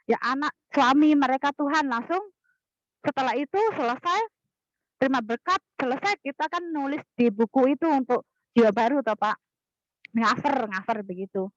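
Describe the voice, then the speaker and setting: A woman in an online class telling a personal testimony in an earnest, halting way, often repeating herself, over a video call. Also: high-pitched, expressive, dry recording, muffled recording.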